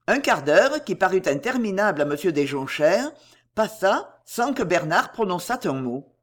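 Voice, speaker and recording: Expressive storybook narrator. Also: medium pitch, moderate pace. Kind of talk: scripted narration of a classic novel.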